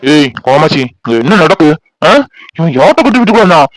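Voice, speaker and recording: A man's voice: a little high, animated, faint music behind, lightly acted, rough recording. A man playing a scolding, resentful cartoon husband. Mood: angry. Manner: scolding, sarcastic, rapid. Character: gruff resentful husband, middle-aged, quick-tempered.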